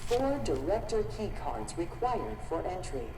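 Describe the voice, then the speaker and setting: A woman voicing an impersonal security system, heard over a loudspeaker, slow and formal. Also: lowish voice, very animated. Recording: distant echoey speaker with noise.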